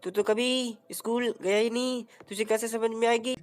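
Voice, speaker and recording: Woman voicing a cartoon big brother, bossy, slow, drawn-out, sing-song, comic gameplay commentary. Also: a little high, fairly even intonation, lightly acted. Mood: teasing.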